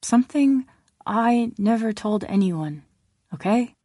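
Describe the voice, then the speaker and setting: A woman narrator voicing Letha, an earnest young woman who talks in halting, animated bursts. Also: on the high side, no room sound, studio quality, pitched above the performer's own voice. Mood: confiding.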